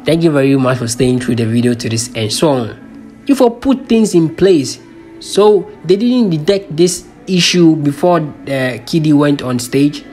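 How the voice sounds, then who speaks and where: A man's voice: fairly high pitch, unhurried, darkish tone, faint music behind. A man with a Ghanaian accent hosting a channel, giving a chatty commentary voice-over that mixes Pidgin into English. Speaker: channel host.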